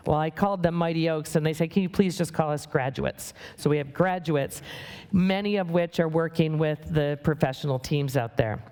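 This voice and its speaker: A middle-aged woman from the United States giving a conference talk to an audience, brisk, wry and plain-spoken. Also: sits low, dark tone. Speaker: guest speaker. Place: conference hall.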